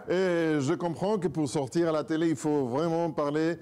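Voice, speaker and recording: A man's voice: fairly high pitch, a little slow. A man, a native Spanish speaker, giving a church talk as guest preacher in a joking, self-mocking way. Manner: joking, self-mocking, lively, moves a lot.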